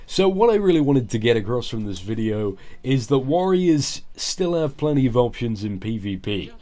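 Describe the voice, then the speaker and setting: Sounding sick and slightly groggy, a man who makes gaming videos explains a game informally at a moderate pace. His mid-range voice is sing-song with a dark tone.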